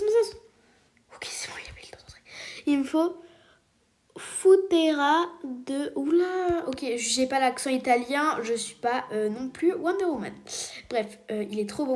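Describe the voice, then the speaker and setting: A woman, chatting excitedly through a video game with squealing exclamations, often dropping to a whisper. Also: fairly high pitch. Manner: often drops to a hushed whisper. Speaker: Roblox player. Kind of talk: casual gameplay commentary.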